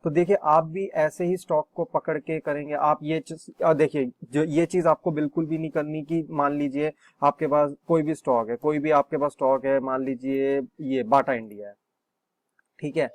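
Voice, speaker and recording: A man's voice: on the high side, steady tone, normal speed, dry recording. Hesitant man teaching trading. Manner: hesitant, many fillers and restarts. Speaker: trading instructor. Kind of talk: screen-share tutorial.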